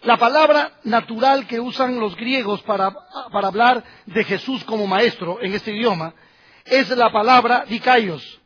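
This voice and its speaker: A man's voice: extremely high pitch, a little slow, fairly bright tone, husky, highs cut off. A man preaching a sermon, pressing his listeners with repeated rhetorical questions.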